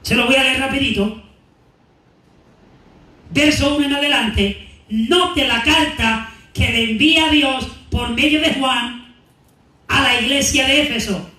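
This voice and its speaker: High-voiced preacher in an echoing church. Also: male voice, pushed and bright. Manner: asks the congregation questions and answers them himself; reads scripture aloud slowly and deliberately. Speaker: preacher teaching a church congregation. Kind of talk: Bible teaching sermon. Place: church sanctuary. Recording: echoey church hall, mic at a distance.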